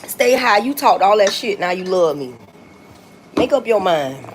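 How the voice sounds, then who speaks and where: On a phone livestream outdoors, a woman in her forties chats with viewers, speaking bluntly, repeating herself, and often swearing and laughing. Her mid-range voice is sing-song and a little slow. The audio is poor, with slight background noise.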